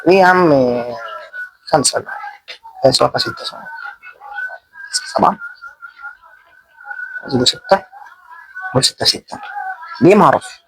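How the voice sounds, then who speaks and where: A man's voice: a little high, normal speed, vocal fry, long pauses, fairly bright tone, a little hiss or hum, poor audio. A young man with an Egyptian Arabic accent chatting casually as he plays, joking at himself and yelping when things go wrong. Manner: chatty, self-mocking, panicky yelps when attacked. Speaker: gaming channel host. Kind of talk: casual Minecraft let's play commentary.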